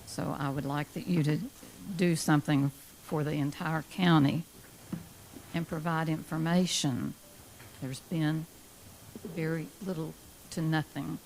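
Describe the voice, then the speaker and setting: A woman's voice: sits low, steady tone, measured pace, a little mellow, a little hiss or hum, rough recording. A woman giving a public comment in a blunt, insistent manner. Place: indoor public meeting room.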